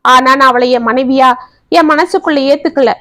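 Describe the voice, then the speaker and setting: A woman's voice: sits high, normal speed, sharp tone, no echo. A woman voicing a heartbroken young man pleading with the woman he loves. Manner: pleading, emotional.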